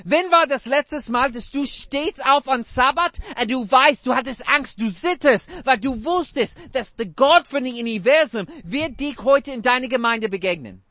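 A man's voice: very high-pitched, normal speed, few pauses, sharp tone, no echo. A man preaching a sermon in non-native German with broken grammar, emphatic and asking the congregation repeated questions.

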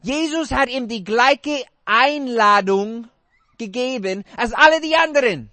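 Male preacher, very high voice, dry close sound, halting non-native German, interactive sermon. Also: sharp tone, no echo.

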